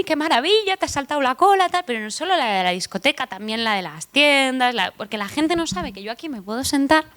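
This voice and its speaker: A woman's voice: a little high, fairly bright tone. A young woman with a Madrid Spanish accent giving a humorous talk on stage. She tells personal stories in a chatty, joking, self-deprecating way and turns to the audience with asides. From Spain (Madrid). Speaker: conference speaker. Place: conference stage before an audience.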